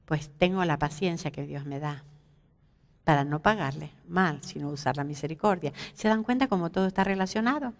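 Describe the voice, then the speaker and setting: In a large church hall, a woman with a deep voice speaks fairly quickly as she teaches a Bible lesson at a women's seminar. She's lively, poses questions to her listeners, and makes jokes at her own expense.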